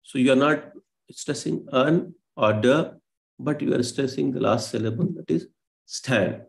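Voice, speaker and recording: A man teaches a live online class with a gravelly, mid-range voice. He explains patiently, pausing on fillers and correcting himself as he goes. The sound comes through a video call. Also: medium pitch. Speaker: lecturer.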